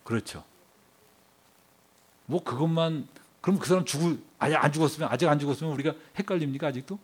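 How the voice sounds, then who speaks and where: Emphatic preacher man, slightly high voice. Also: fast, breathy edge. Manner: fires rhetorical questions at the congregation; emphatic, swings between hushed and raised delivery. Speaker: pastor. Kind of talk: sermon.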